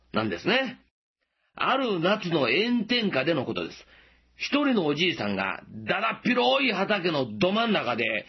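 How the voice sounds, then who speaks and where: A man preaching a sermon as pastor, gently asking listeners questions and slowing down for emphasis, in a dull lo-fi recording. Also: high voice, husky.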